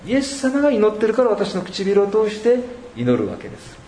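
A pastor's sermon in a man's somewhat high voice that rises and falls a great deal as he speaks. He talks in a measured, reflective way, pausing often between thoughts, and the room around him rings with echo. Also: huge pitch swings, dark tone, a little hiss or hum. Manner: measured, reflective preaching with frequent pauses. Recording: echoey room.

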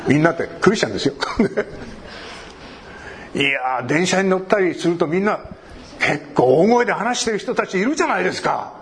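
A man's voice: high-pitched, animated, moderate pace, a bit bright. A man preaching a sermon. He talks animatedly, cracks jokes and acts out short everyday conversations. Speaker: pastor.

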